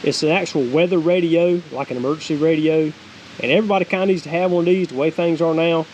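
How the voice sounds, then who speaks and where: The speaker is a man in his forties from the US South, a homestead vlogger doing a laid-back, meandering product review by a wooded creek and then on a cabin deck. He talks fast in a fairly high voice. Audio is poor, with a clear, constant hiss outdoors.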